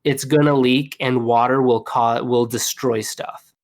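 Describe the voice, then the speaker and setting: A young man talks shop as a plumber on a podcast, loose and chatty, piling on "you know" as he tells his stories. His delivery is lively and animated, and he laughs easily. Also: mid-range voice, a little slow. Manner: animated, laughing storyteller with fillers. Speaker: plumber guest. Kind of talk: casual storytelling.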